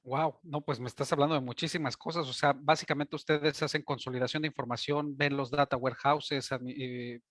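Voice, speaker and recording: A man's voice: mid-range voice, steady tone, fairly quick, few pauses, fairly bright tone, dry recording, studio quality. A male host summing up the guest's points and reassuring him. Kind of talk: casual interview chat.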